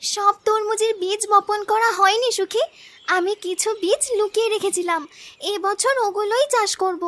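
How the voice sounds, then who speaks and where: A woman voicing a calm, sensible young sister in a cartoon, speaking softly and steadily. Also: very high-pitched, normal speed. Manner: soft, steady, hushed.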